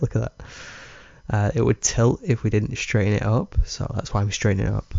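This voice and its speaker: A man giving relaxed, rambling commentary on his game, chuckling often. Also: fairly low pitch, creaky, dry recording, muffled recording. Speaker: let's play gamer. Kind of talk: casual gameplay commentary.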